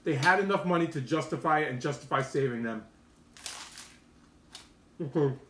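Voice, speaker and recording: A man's voice: fairly high pitch, moderate pace, a bit bright, slight background noise. A man chatting casually to viewers on a livestream, rambling and opinionated, telling stories with plenty of slang. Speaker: mukbang streamer. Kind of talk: casual rambling live-stream chat to viewers. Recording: roomy, echoey room sound.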